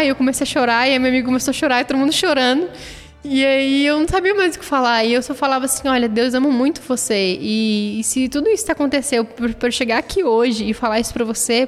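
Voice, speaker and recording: Lady telling her faith story, earnest and emotional, echoey with quiet music. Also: on the high side. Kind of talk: personal faith testimony. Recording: long reverb, soft music behind.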